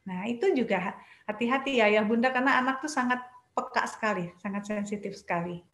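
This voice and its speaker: Woman child psychologist, fairly high voice, lists tips point by point, echoey room sound. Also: brisk, fairly bright tone. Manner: explains in numbered points, addresses parents directly. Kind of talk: parenting advice talk.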